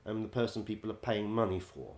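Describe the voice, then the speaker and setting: A man, a musical director and vocal coach, telling wry stories in a chatty way, laughing often and filling pauses with ums. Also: on the low side, lively intonation, a little mellow, roomy sound. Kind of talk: casual anecdote-telling.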